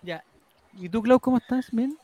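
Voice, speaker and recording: A man's voice: extremely high pitch, moderate pace, dark tone, highs cut off. Man telling a rambling story. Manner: rambling, with restarts and laughs. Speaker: podcast host. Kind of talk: casual storytelling to co-hosts.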